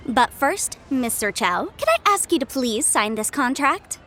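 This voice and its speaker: In a video game cutscene, a young woman plays a composed, precise, businesslike legal adviser. Her voice sits high and sounds pushed and bright, very animated yet a little slow, with faint game music behind her.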